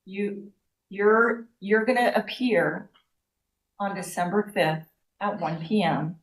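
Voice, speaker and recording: A woman judge running a hearing in a courtroom. Her voice sits at a middle pitch, and she talks in a firm, stern way. She repeats her orders until they are followed. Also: slow pace, rough recording.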